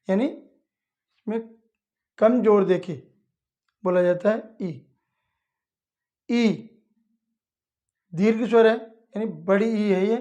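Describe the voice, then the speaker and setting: A woman's voice: medium pitch, dark tone, highs cut off. A woman teaching young children, explaining each step patiently and repeating it plainly. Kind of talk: slow step-by-step lesson for children.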